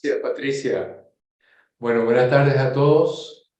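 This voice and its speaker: A man from Venezuela presenting a software course in a webinar, explaining step by step and often checking in with his listeners. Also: mid-range voice, fairly even intonation, slow, very echoey, muffled recording. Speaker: course instructor.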